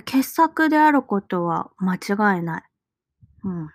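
Slow, soft-spoken musing woman. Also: medium pitch, big pitch swings, dry recording, studio quality. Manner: slow, musing, trails off into soft near-whispered asides. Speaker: solo podcaster. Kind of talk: casual reading-log monologue.

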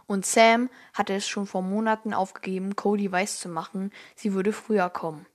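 A woman reads a children's story aloud in a calm, even voice. Her pitch sits in a middle range, and her delivery stays steady and clear. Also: moderate pace. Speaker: narrator. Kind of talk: scripted narration of a children's story.

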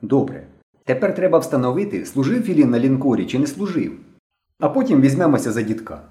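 Storybook voice: man playing an assertive boy leader, scolding, mellow, roomy echo. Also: medium pitch, sing-song, a little fast, pitched above the performer's own voice, close to an everyday voice. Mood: confident. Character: bossy boy leader of the gang.

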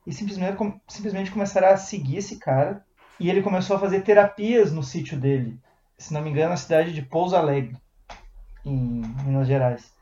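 A man from Brazil co-hosting a casual podcast, telling a long anecdote in a loose, meandering way full of restarts. His tone is warm and mellow, and the room around him sounds noticeably echoey. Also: fairly high pitch, a little fast, dull audio. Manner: rambling storyteller, many restarts and tag questions. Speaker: podcast co-host. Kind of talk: casual chat.

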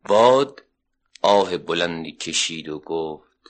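A man narrating a 1970s children's radio story, lively and expressive. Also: deep voice.

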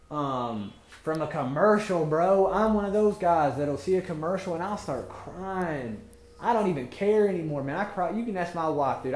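A man's voice: a little high, echoey room, slight background noise. A young man hosting his own podcast, talking alone in a rambling, candid way, full of slang like dude and bro. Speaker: podcast host. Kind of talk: casual solo podcast monologue.

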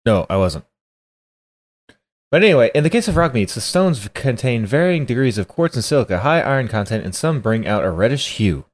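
A man's voice: medium pitch, big pitch swings, a little fast. A man co-hosting a podcast, making crude jokes in casual banter. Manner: joking, crude. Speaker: podcast co-host.

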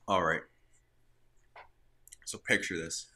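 A man in casual chat, retelling scenes in an animated way and laughing often. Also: sits low, takes it slowly. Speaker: co-host.

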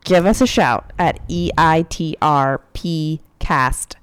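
A woman's voice: sits low, slow pace, clean tone. A woman with a standard American accent, co-hosting a podcast in casual banter with a dry, teasing manner. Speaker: podcast co-host.

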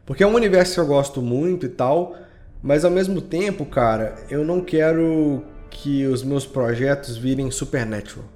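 Here a Brazilian-accented man appears as a guest on a podcast, talking about his own work as a podcast creator in a relaxed, slang-heavy way. His voice is mid-range and dark-toned, at a moderate pace, with music in the background.

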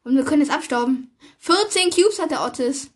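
A young woman hosting a gaming video, chatting casually with slang and excited gasps while she plays. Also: high-pitched, brisk.

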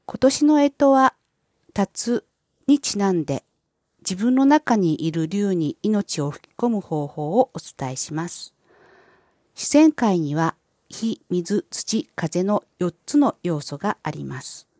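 A woman host reading a scripted wellness explainer with guided visualization, in polite, formal and measured phrasing. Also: mid-range voice, expressive, dark tone, dry recording, clean studio sound. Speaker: host of a wellness and spirituality channel.

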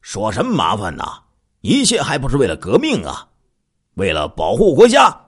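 A man voicing a middle-aged male village militia captain who speaks slowly and emphatically in an officious way. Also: lowish voice, very animated. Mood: earnest, officious.

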